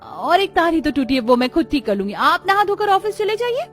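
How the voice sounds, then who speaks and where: A woman's voice: extremely high pitch, fairly quick, a bit bright, faint music behind, voice pushed up. A woman doing a nervous, stammering young bride. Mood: flustered. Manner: stammers when caught out.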